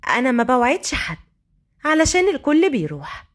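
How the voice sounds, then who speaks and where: A woman voicing a defiant young tissue seller with an Egyptian accent, talking in a quick, sharp-tongued way. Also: high-pitched, very animated.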